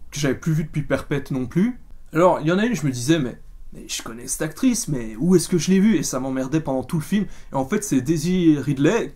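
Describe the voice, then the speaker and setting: A man's voice: fairly high pitch, a little mellow. A man giving a casual spoken film review, chatty and full of fillers and restarts. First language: French.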